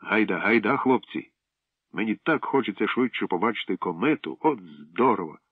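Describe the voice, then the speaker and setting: A man voicing a lively, teasing young girl in a storybook reading. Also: on the low side, normal speed, no echo. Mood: excited. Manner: chirpy, teasing. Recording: dry tinny phone-like sound.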